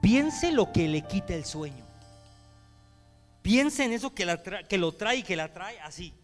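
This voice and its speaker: A man preaching a sermon as pastor. He swings between loud preaching and hushed speech and speaks directly to the congregation. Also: high-pitched, expressive, unhurried, big-room sound, soft background music. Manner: addresses the congregation directly with calls to respond. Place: church hall.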